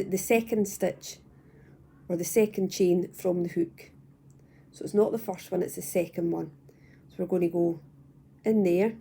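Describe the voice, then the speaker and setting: A young woman from the UK calmly walking viewers through crochet stitches step by step at home, patient and repeating herself as she goes. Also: fairly low pitch, vocal fry, slightly rough. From United Kingdom. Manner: calm, patient, repeats and restarts phrases. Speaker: crochet tutor. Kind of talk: step-by-step craft tutorial. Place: at home, indoors.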